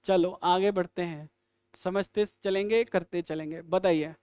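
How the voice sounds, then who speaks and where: Male English tutor, high and crisp, quizzes the class with jokes. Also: fairly even intonation, a little mellow, dry recording. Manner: quizzing students with quick questions and jokes. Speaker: English teacher. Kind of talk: live online exam-prep lesson.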